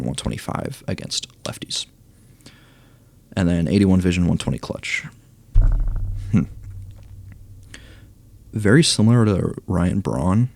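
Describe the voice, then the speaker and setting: A young man commenting casually on a baseball video game, reading stats aloud and thinking out loud, hoarse as he loses his voice. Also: low-pitched, dry recording. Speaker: gaming YouTuber ranking cards.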